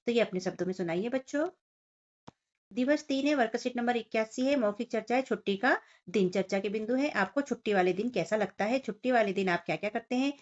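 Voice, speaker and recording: A woman's voice: a little high, fairly quick, a little mellow. Woman teacher, slightly dull recording. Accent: Hindi. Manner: explains step by step, addressing children directly. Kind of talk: workbook lesson for young children. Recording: dull lo-fi sound.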